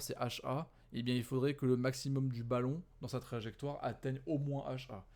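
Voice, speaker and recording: A man walking through an exam answer key in a casual, conversational way, often correcting himself and filling pauses, tired from working late at night. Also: mid-range voice, darkish tone. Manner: conversational, many fillers and self-corrections. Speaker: physics teacher.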